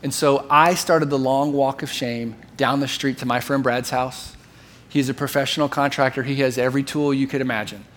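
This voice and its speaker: A middle-aged man preaching a sermon in an animated, conversational way, acting out voices as he speaks. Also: mid-range voice, moderate pace. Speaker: pastor.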